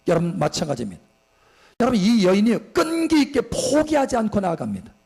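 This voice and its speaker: A pastor preaching a sermon in church, emphatic and swinging from soft to loud, asking the congregation questions and answering them himself. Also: male voice, high-pitched, vocal fry.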